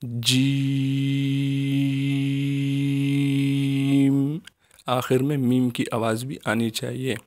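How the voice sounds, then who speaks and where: A man teaching children the Arabic letters in a patient recitation lesson, with a Pakistani Urdu accent, slowly drawing out each letter as he says it. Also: medium pitch, level tone, gravelly, darkish tone. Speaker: Quran teacher.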